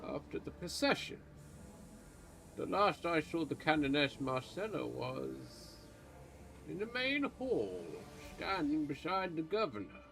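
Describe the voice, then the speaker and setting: Brief: a man playing a stern, pompous old male pontifex for a tabletop game, formal archaic delivery, slightly raised pitch. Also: very animated, a little slow, vocal fry, fairly bright tone, exaggerated voice, rough recording. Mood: weary. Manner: formal archaic speech, haughty and accusing.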